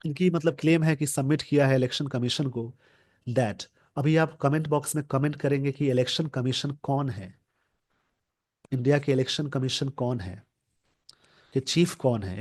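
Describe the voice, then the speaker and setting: A male English teacher explaining a newspaper editorial to exam students. He reads English sentences slowly, then explains them word by word and tells viewers what to note down and remember. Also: mid-range voice, darkish tone.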